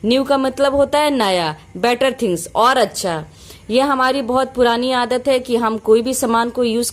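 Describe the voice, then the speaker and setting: Indian woman slowly explaining English words. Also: fairly high pitch. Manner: repeats and explains each phrase, reads English slowly word by word. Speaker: English teacher, channel host.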